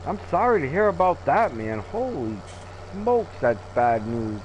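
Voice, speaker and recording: A man in his fifties chats loosely with his viewers as he plays, his voice sitting a little high for a man. He rambles from one thought to the next, cracking jokes and laughing at himself. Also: very animated, unhurried, dull audio, a little hiss or hum. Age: 50s. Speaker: gaming streamer. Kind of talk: casual chat with viewers while playing.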